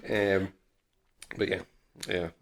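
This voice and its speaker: A man's voice: deep voice, little pitch movement, slow. A man with a Scottish accent, co-hosting a podcast in casual, self-mocking chat. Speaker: podcast co-host.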